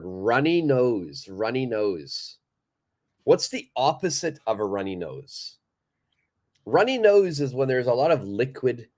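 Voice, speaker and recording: A medium-pitched man runs a live online English lesson with a congested nose. He takes his time, speaking deliberately and repeating key vocabulary so learners can follow.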